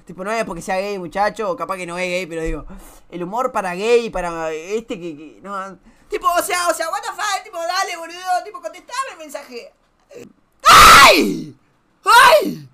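Young male streamer, Rioplatense accent, crude casual reactions, bright timbre. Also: high voice, expressive, fairly quick. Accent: Rioplatense Spanish. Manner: swears a lot and laughs often.

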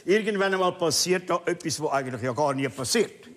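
A man's voice: on the high side, expressive, fairly quick, close to an everyday voice. An older actor with a Swiss German accent playing a stubborn, restless elderly man on stage, emphatic and exasperated, sometimes slipping into Italian. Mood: friendly, probing. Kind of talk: stage comedy-drama acting. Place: indoor theatre stage. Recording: reverberant theatre stage, faint noise.

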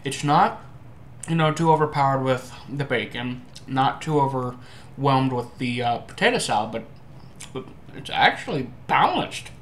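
A young man chats casually to a webcam in a room at home, reviewing food. He speaks in a hesitant, halting way at a middling pitch. Clear noise sits behind his voice. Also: animated. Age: young adult. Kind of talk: casual chat to camera.

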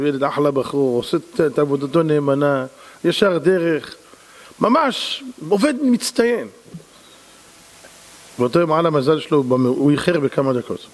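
A man, a rabbi, preaching a sermon in an animated, storytelling manner. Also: fairly high pitch. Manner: animated, acts out characters. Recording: long hall reverb.

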